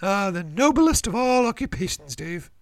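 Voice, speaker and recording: A man voicing an excitable puppet-like sidekick on a children's show, with a raspy, creaky voice. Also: high-pitched, normal speed, no echo, clean studio sound. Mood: eager.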